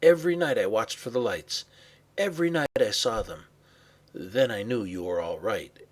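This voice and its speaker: A man voicing a loving father who returns home, speaking in an earnest, brisk way. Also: lowish voice, animated. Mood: relieved.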